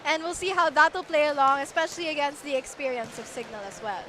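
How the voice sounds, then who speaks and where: A woman's voice: high voice, fast talker, noisy background. A woman with a Filipino accent giving live sports analysis as a co-commentator.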